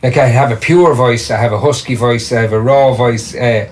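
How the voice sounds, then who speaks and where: With a little hiss or hum in the background, a middle-aged Irishman speaks at a moderate pace in a medium-pitched voice. A singer and drummer, he's a podcast guest in a casual interview, rambling, often restarting, and telling stories with gusto.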